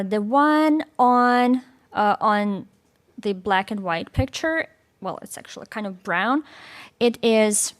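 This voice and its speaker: A woman with a Ukrainian accent gives an informal presentation and quizzes her audience. She speaks slowly and often pauses or restarts while she searches for the right English words. Her voice sits at an ordinary pitch for a woman. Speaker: guest speaker.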